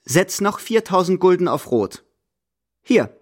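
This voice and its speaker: A man's voice: high-pitched, big pitch swings, measured pace, pitched above the performer's own voice, full character voice. Man doing a bossy old grandmother gambler. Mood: bossy, impatient. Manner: bossy, hissing, scolding.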